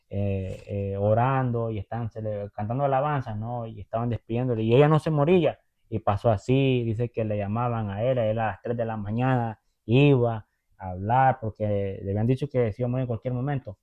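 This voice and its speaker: A man's voice: medium pitch, fairly even intonation, normal speed. A man giving a conversational Bible teaching who retells stories and often checks in with his listeners through tag questions. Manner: retells stories, acting out the voices. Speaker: preacher. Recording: tinny phone-like sound.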